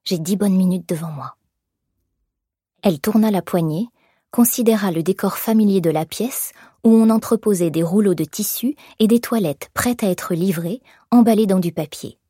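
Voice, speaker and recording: Woman narrator with a husky mellow voice. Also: mid-range voice, moderate pace, dry recording, studio quality. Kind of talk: scripted narration of a novel.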